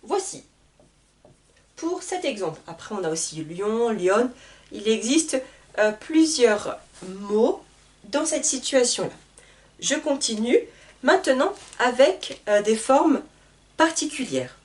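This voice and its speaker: A woman teaching a grammar lesson, spelling out letters and repeating word pairs slowly. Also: on the high side, lively intonation, a little mellow, recorded from a distance. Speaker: French teacher.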